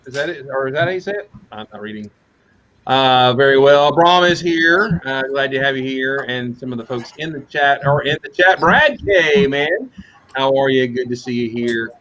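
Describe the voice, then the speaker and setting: A man's voice: medium pitch, lively intonation, moderate pace, fairly bright tone, highs cut off, slight background noise. A man hosting a casual livestream chat, greeting viewers in the chat and telling stories. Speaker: host.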